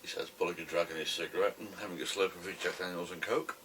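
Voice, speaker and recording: Deep, raspy British smoker, wryly rambling. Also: male voice, steady tone, fast, a bit bright. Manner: wry, self-deprecating. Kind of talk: casual rambling vlog to camera. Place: a room at home, alone. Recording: distant camera mic with faint noise.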